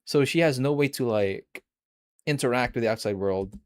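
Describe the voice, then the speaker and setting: A man streaming a game, reading its story aloud and breaking off into excitable, laughing, sometimes swearing commentary. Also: mid-range voice, normal speed.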